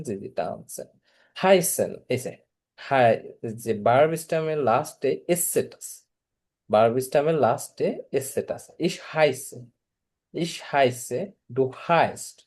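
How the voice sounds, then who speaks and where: A man teaches German verb forms in a slow, unhurried way. His voice is mellow and dark, and he repeats each conjugation patiently for his students. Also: medium pitch. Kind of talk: online class lesson.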